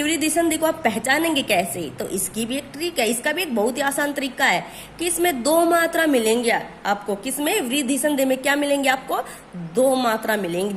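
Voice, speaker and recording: A woman's voice: a little high, a little hiss or hum. A woman teaching a grammar lesson, who asks questions and answers them herself and stretches out key words.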